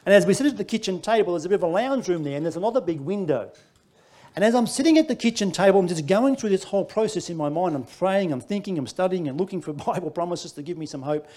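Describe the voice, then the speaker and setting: Animated Australian man telling a story. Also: high voice, fast talker. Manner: animated storytelling, laughing through lines. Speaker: preacher. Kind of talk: sermon testimony.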